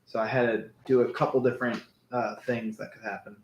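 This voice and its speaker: A man's voice: medium pitch, little pitch movement, a little fast, muffled recording. A man running a tabletop game as game master, talking casually to the players. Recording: echoey room, faint background noise.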